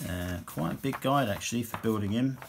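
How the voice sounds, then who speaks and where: A man's voice: medium pitch, brisk, creaky, slight background noise. A man casually reviewing a hobby magazine, reading passages aloud and adding dry asides. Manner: chatty, dry asides, reads text then comments.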